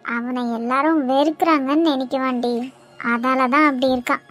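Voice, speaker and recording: A woman voicing a calm young friend in a cartoon, speaking with a Kanyakumari Tamil accent in a soothing, questioning way. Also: high voice, moderate pace, soft background music. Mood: reassuring.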